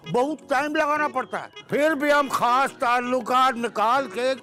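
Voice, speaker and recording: Brief: wisecracking middle-aged husband, soft music under. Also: male voice, very high-pitched, a little slow, heavily acted. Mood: easygoing. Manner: teasing, jokey. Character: joking middle-aged husband Badruddin, neighborhood fixer. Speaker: actor. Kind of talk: TV drama acting.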